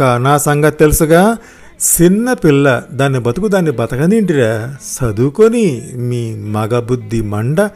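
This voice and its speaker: A man voicing a stern middle-aged aunt who scolds her husband. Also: mid-range voice. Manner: scolding, loud, sharp.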